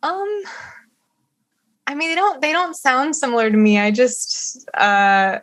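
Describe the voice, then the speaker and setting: A woman voice actor, chatting in a casual interview in an animated, easy way. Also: high-pitched, slow, rough recording. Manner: animated, chatty, laughs easily. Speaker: voice actor guest.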